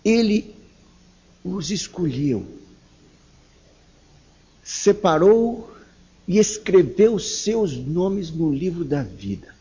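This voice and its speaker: A pastor from São Paulo, Brazil, preaches an emphatic sermon slowly and deliberately, pressing each point. His husky, mellow voice swings widely in pitch, rising fervently on key words. The recording is dull and lo-fi.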